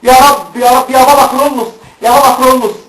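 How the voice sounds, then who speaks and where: A man plays an exhausted father in an amateur film, talking quickly in a weary, despairing way. His voice is fairly high for a man. He sounds distant in an echoey room with a little noise. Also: little pitch movement, fairly bright tone. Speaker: father character.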